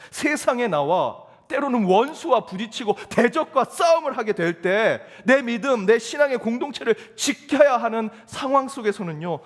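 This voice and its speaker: A man preaching a sermon as pastor in a church sanctuary, with emphatic delivery and rhetorical questions. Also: high voice. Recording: long reverb of a church hall.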